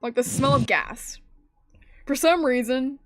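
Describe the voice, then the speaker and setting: A woman's voice: high voice, unhurried, music in the background. A woman hosting a stream in casual chat, rambling and giggling often. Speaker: streamer host.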